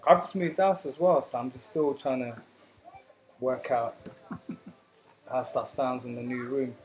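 A man's voice: medium pitch, steady tone, unhurried, noisy background. A man with a South London accent answering in a casual interview with short, slangy replies. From England. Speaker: guest.

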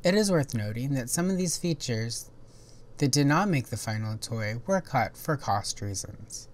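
In a toy history video, a woman host delivers scripted documentary narration in a measured, informative manner. Her voice is very deep, yet her delivery is animated.

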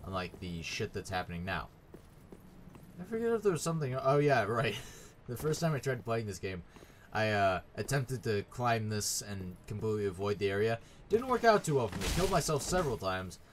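A man's voice: on the low side, very animated, a little fast, background noise. A man giving sarcastic, frustrated let's play commentary while playing a game, swearing often. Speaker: gaming YouTuber.

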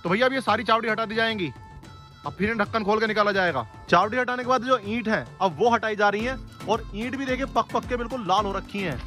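High, bright-voiced male food vlogger. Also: fast talker, faint music behind. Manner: enthusiastic, addresses viewers as guys, asks workers questions. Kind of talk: on-location factory tour narration and interviewing.

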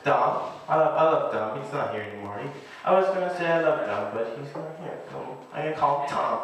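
A man's voice: medium pitch, lively intonation, fast. A young man doing casual, rambling stand-up comedy on a small club stage. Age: young adult. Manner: rambling, laughs at his own bits. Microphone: handheld stage mic, recorded by distant camera. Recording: echoey club room from far off, audience noise.

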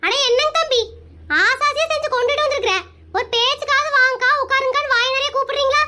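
A woman's voice: very high-pitched, fairly even intonation, fast, sharp tone. A woman voicing Muppatha, a chatty, nosy village woman neighbor in a comic Tamil cartoon, coaxing and drawing out her words.

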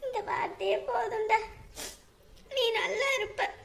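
A fond, anxious mother played by a woman urging her son to take care of himself. Her voice is very high and soft, and her words come out tender and consoling. Worry runs under every line. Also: unhurried, gravelly, a little hiss or hum, heavily acted. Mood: tender worried. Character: loving, worried mother talking to her son. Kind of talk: family drama acting.

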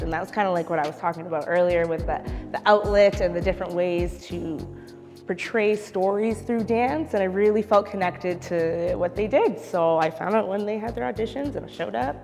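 A woman's voice: medium pitch, gravelly, a little mellow. A woman in her thirties from Canada, chatting casually and upbeat about her life as a dancer in an interview. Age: 30s. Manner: chatty and upbeat, with light laughs and filler "like". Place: dark dance studio, seated on a stool. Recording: long studio reverb with music underneath.

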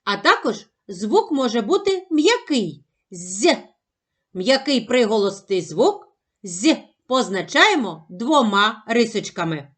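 A woman teaching a phonics lesson to young children, sounding out syllables slowly and carefully. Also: fairly high pitch, very animated, a bit bright. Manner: slow, careful, over-articulated sounding out of syllables.

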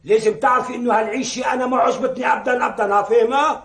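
An actor playing a jealous, short-tempered husband with a Lebanese accent, bickering and demanding. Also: male voice, very high-pitched, fairly even intonation, rapid-fire, a bit bright, echoey room. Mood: irritable. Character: quick-tempered jealous husband, middle-aged man. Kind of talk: sitcom acting.

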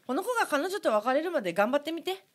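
Woman co-host, blunt and teasing, quick delivery with a lively, swinging pitch. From Miyazaki, Japan. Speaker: co-host giving advice. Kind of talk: casual radio chat.

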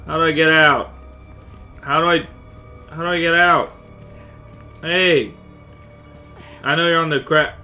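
A man commenting on his gameplay, joking and swearing, with loud outbursts. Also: a little high. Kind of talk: let's play commentary.

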